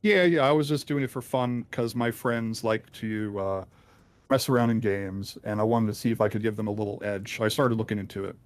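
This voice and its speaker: Hacker man through a deep voice changer. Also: brisk, dry recording. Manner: hesitant, rambling, many ums and restarts. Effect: voice changer, deep pitch-shifted. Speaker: interviewed hacker. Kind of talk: casual call-in interview.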